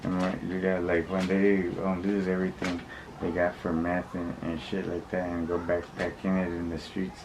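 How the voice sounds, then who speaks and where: There is clear background noise around this man's voice. He has a low, monotone delivery. He rambles through his opinions in blunt street slang, often circling back and repeating himself. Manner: rambling, repetitive, halting, often backtracking. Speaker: vlogger. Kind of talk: casual opinion monologue to viewers. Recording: clearly noisy recording with background ambience.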